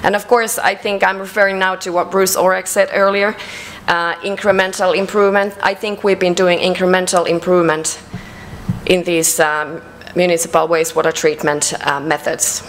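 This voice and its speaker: A woman with a Finnish accent presents at a conference in a measured way, pausing often on fillers. Her voice sits a little low for a woman. A faint ambient hiss is heard behind her. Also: little pitch movement, rough recording. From Finland. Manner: measured, with frequent hesitations and fillers. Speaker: conference speaker. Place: conference hall.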